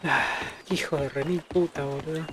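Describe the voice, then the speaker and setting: A man's voice: on the high side, fairly even intonation, moderate pace, background noise. A man with an Argentine accent giving casual let's-play commentary, chatty and teasing, with frequent swearing. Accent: Argentine Spanish. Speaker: gaming streamer.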